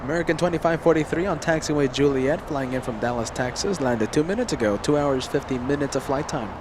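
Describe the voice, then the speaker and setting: Clear outdoor traffic noise surrounds a man giving live plane-spotting commentary. His voice sits a little high, and he announces details in short, clipped phrases, slipping into casual asides to viewers. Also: fast. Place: outdoors beside a road near the airport. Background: vehicles and urban outdoor noise.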